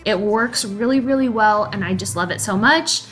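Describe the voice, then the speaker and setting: With a medium-pitched, fairly bright voice at a normal pace, a woman in her thirties narrates a cleaning vlog. Her voice-over is chatty and enthusiastic, punctuated by laughter, with faint background music.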